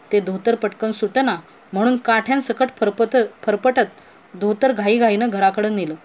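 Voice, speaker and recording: A woman reading a children's story aloud with steady, expressive storytelling. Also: mid-range voice. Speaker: story reader. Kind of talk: storybook narration read aloud.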